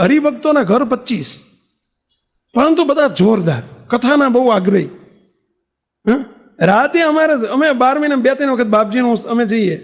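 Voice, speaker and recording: A man preaching a devotional sermon, telling a story with lively acted-out quotes and asking his listeners questions. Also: high-pitched. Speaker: swami preaching.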